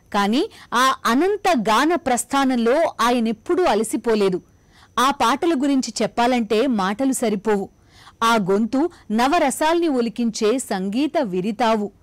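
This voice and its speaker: A woman's voice: high-pitched, dry recording. A woman reciting a poetic, rhythmic script as a documentary narrator. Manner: lyrical, rhythmic, admiring recitation.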